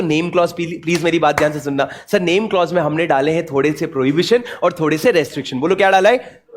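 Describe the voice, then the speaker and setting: A young adult man from India giving an animated exam revision lecture, mixing Hindi and English and playing out student questions himself. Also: high-pitched. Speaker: teacher.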